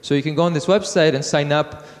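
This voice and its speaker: A man from Iraq giving a technical conference talk, halting with fillers and restarts. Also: a little high, steady tone. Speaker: conference speaker. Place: conference hall. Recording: hall with long reverb.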